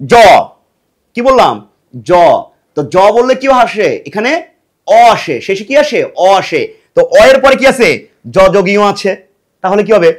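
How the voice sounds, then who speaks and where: A middle-aged man teaching a grammar lesson for exam preparation, asking the class questions and answering them himself, and repeating words to drill them. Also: high-pitched. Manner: lively, emphatic delivery.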